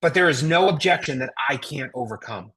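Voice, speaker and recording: In a low-pitched, slightly rough, and a bit bright voice, this American-accented woman, a network marketing trainer, delivers a brisk motivational sales coaching talk with lively intonation. Her style is emphatic and folksy, with rhetorical questions throughout.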